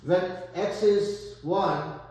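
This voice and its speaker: Speaking very slowly in a high voice with a darkish tone, a man with an Indian accent tutors math. He reasons aloud as he works through problems step by step, and the room he's in is very echoey.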